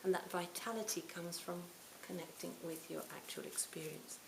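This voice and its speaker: A woman's voice: fairly low pitch, moderate pace, vocal fry. Reflective woman in her sixties in a roomy hall. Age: 60s. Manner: reflective, warm storytelling with soft trailing phrase ends. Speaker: Buddhist teacher. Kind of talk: dharma talk to a retreat audience. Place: retreat hall. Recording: roomy hall, faint hiss.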